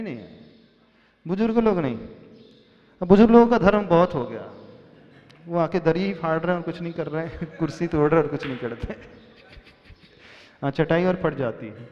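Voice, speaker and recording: A man giving a sermon to a live congregation, speaking slowly, asking the listeners questions and teasing them with humor. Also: on the high side, a little mellow. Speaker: Jain monk preacher. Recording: dull lo-fi sound with long hall reverb.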